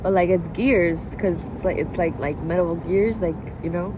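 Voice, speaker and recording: A woman's voice: fairly low pitch, normal speed, noisy background. A woman vlogger chatting casually and confessionally, rambling and introspective, repeating herself and often saying "like". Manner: rambling, introspective, frequent "like" and repetition. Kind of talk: casual confessional chat to camera.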